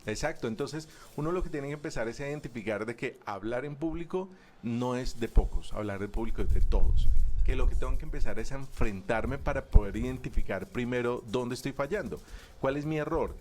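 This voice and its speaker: A man speaks in a lively, expressive way about public speaking, often slipping into little impressions of other people. His voice sits at an ordinary middle pitch. Faint music plays quietly behind him. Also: fairly quick. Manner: animated, acts out quoted voices. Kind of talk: conversational interview.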